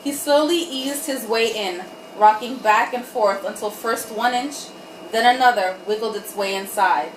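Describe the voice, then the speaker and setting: A tipsy woman, buzzed on wine, hosts a comic group reading, giving a giggly, irreverent dramatic rendition of erotic fiction and stopping for joking asides. Her voice is fairly high and unhurried. The sound is roomy, from a distant mic, with faint background noise.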